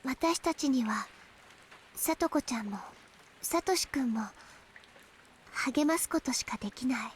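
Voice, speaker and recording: Teenage anime game girl, high voice, quick delivery, sweet but unsettling, mysterious. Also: lively intonation, slight background noise. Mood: soft, knowing. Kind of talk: Japanese visual novel voice acting.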